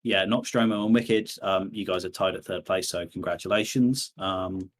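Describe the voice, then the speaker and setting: A man with an English accent hosting a casual livestream chat, relaxed and full of hesitant fillers. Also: low-pitched, moderate pace. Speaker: host.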